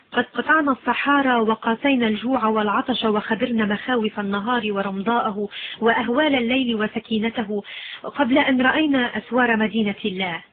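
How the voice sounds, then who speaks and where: A woman voicing a calm, certain female mystic, reciting slowly and solemnly. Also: a little high, a little hiss or hum, close to an everyday voice. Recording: lo-fi phone-like sound.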